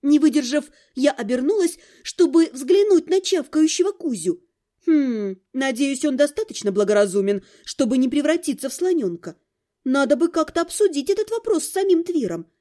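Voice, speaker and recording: A woman reading a first-person audiobook with expressive, lively storytelling. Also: high voice, normal speed. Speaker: audiobook narrator.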